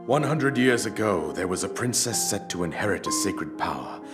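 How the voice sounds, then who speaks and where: An older man playing a solemn, regal ghost king of a fallen kingdom, telling his story gravely in a video game cutscene. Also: lowish voice, expressive, loud music behind the voice, natural voice. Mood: solemn storytelling. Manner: grave, stately, measured storytelling.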